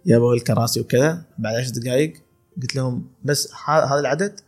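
Emirati guy in his 20s, fast and chatty, husky gravelly voice. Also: medium pitch, a little mellow, soft background music. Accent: Emirati Arabic. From UAE, Khor Fakkan. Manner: chatty storyteller, laughs often, restarts. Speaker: calligrapher guest. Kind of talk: casual podcast chat.

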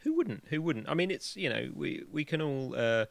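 A man's voice: mid-range voice, normal speed, vocal fry. A man co-hosting a podcast in casual chat, rambling and sardonic. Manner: rambling and sardonic, with many fillers. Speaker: podcast co-host.

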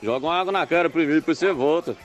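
A man's voice: a little high, racing, lo-fi sound, faint music behind, close to an everyday voice. A man playing a teasing country bumpkin character with a Brazilian caipira accent on a radio show. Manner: teasing, chatty. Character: loud country bumpkin man, cheeky joker.

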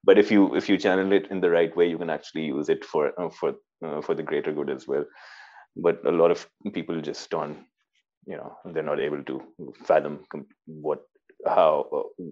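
A man's voice: a bass voice, fairly even intonation, normal speed, darkish tone, lo-fi sound. A man with a Pakistani accent telling stories casually in conversation, informal and hesitant, often repeating his words. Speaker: interview guest, former army cadet.

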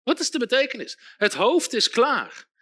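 High, bright-voiced emphatic preacher. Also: male voice, huge pitch swings, moderate pace, husky. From Netherlands. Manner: emphatic, repetitive, calls for amens. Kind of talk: sermon.

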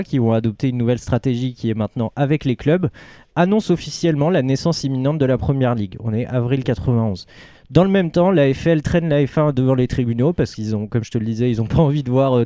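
Male podcast co-host, warm dark tone, hesitant explainer, dry close sound. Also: medium pitch, dry recording. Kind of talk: casual football history chat.

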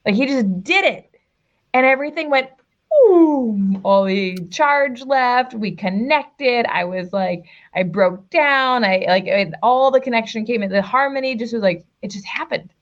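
A woman's voice: on the high side, animated, a little slow, lo-fi sound. A woman relationship coach speaking as a guest in a casual interview, with a direct and emphatic coaching tone.

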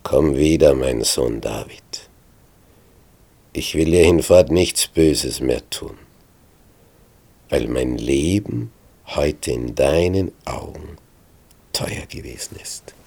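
A man's voice: rumbling low, lively intonation, gravelly, breathy edge, voice pushed down, full character voice. A man playing a weary, remorseful old king. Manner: slow, soft, repentant.

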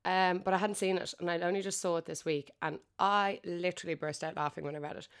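A woman's voice: on the low side, fairly even intonation, fast talker, clean tone. Giggly woman podcast co-host. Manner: playful, giggly, reads listener messages aloud. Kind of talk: casual chat.

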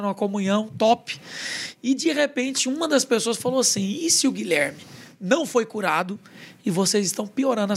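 A man's voice: high voice, vocal fry. A man with a Brazilian accent, a pastor and podcast guest, telling a personal testimony in casual chat and acting out the dialogue in a raised voice. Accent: Brazilian Portuguese. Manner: lively retelling that acts out quoted dialogue in a raised voice.

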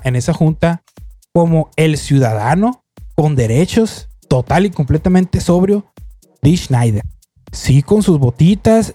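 A man tells a story in loose, casual chat. His voice sits a little high but sounds mellow and dark. He stumbles through restarts and acts out what people said, recorded dry and close, with faint music underneath. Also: dry recording. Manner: rambling, many restarts, quotes people in lively voices.

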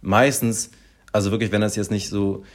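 A man telling an everyday story in casual chat, animated and full of fillers, acting out the people he quotes. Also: lowish voice, normal speed.

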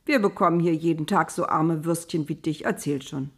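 A woman voicing an old male prison keeper who talks in a gruff, teasing, chatty way in an audio storybook. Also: low-pitched, normal speed. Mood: wry.

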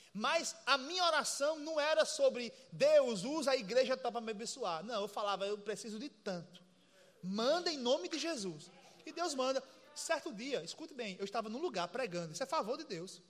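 Male preacher, very high voice, bright, animated, playful, long hall reverb. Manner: animated, demonstrative, playful, mimics laughter. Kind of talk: lively sermon.

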